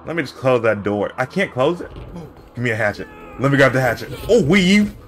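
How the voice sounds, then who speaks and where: Excitable man reacting to gameplay. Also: medium pitch, a little fast. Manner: excitable, loud slangy reactions. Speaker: gaming channel host. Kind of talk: let's play commentary. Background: faint game music.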